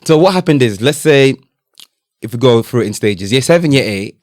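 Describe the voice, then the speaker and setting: A man's voice: mid-range voice, expressive, fairly quick, a little mellow, no echo, clean studio sound. A young man born in Italy, speaking, candidly telling his life story as an interview guest. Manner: candid, storytelling, slang-laced. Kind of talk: casual interview.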